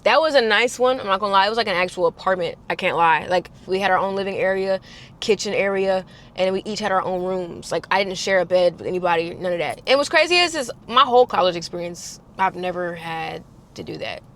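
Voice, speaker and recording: Young woman vlogger, casual storytime, animated delivery. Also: fairly quick, slight background noise. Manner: animated, acts out quotes in higher voices.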